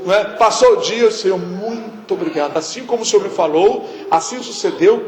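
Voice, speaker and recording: Man preaching in an echoey hall. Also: high voice. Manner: conversational preaching, frequent tag questions, acted-out prayers. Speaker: pastor. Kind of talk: sermon. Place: church hall.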